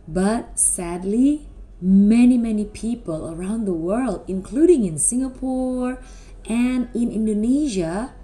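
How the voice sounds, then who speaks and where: A middle-aged woman talking to children like a kids show host, animated, with simple questions and drawn-out words. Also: medium pitch. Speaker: children's presenter at a school Christmas service.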